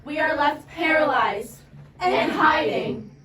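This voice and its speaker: A group of young women recites poetry in unison with high, projected voices. The delivery is slow, dramatic and emphatic. They sound distant in an echoing space full of voices. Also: female voice, expressive, very noisy. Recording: echoey, distant mic, loud crowd of voices.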